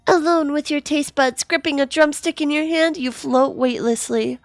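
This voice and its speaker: A woman's voice: sits high, fairly even intonation, moderate pace, no echo, faint music behind. A young woman streamer narrating a game in a playful, casual way, reading the story text aloud.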